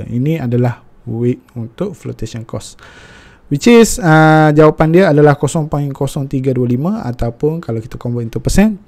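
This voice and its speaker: Mellow-voiced Malaysian man tutoring. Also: mid-range voice, vocal fry. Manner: mixes Malay and English, many fillers. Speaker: finance tutor. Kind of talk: step-by-step tutorial.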